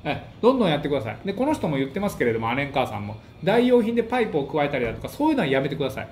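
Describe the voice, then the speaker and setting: A man with a Kansai accent talks in an animated, storytelling way, and his pitch swings up and down a lot. His voice sits a bit high for a man. The sound is roomy and echoey, with a faint hiss underneath. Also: rapid-fire. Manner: animated storytelling that acts out quotes. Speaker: comedian and book-review host. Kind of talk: casual monologue.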